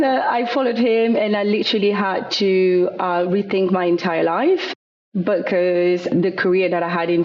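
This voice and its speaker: A woman's voice: mid-range voice, darkish tone. French-accented woman on a dull line. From France. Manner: thoughtful, with frequent fillers and repeated words. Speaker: guest, skincare founder. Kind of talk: conversational interview.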